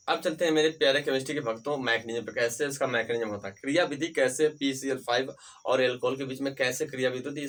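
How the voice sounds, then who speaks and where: A man's voice: mid-range voice, fairly bright tone, distant mic, slight background noise, rough recording. A man teaching a chemistry lecture. He asks questions and answers them himself, repeats key terms, and speaks to his students fondly and with encouragement. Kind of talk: whiteboard lecture.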